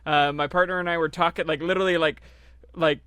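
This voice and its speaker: A man's voice: fairly high pitch, fairly even intonation, fast talker, pushed and bright, clean tone, dry recording. A young man co-hosting a casual podcast, telling stories in a rambling, laughing way. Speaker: podcast co-host.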